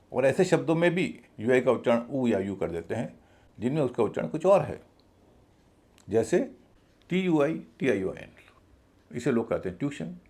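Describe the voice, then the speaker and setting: A man's voice: mid-range voice, darkish tone. A man teaching English pronunciation in a video lesson, spelling words out letter by letter and then repeating the correct form.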